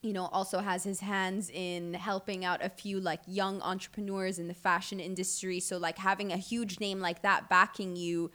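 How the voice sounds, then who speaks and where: A young adult woman from Abu Dhabi, a guest entrepreneur telling her story in a chatty, animated way, full of "like"s. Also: medium pitch, normal speed, hardly any pauses. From Abu Dhabi, UAE. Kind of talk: casual chat.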